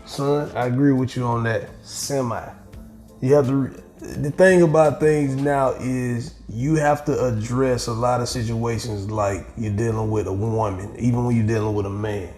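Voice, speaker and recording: A middle-aged man hosting a podcast, talking bluntly with lots of profanity and animated storytelling in casual chat. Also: medium pitch, normal speed. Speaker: podcast host. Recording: echoey room with faint music.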